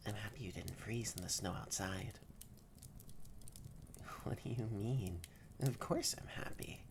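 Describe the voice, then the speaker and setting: Voicing a haughty, grumpy catboy who is secretly shy, a young adult performer speaks unhurriedly in a deep voice for an intimate roleplay audio drama. He stammers and frequently slips into breathy near-whispers, sounding smug and guarded against a noisy background.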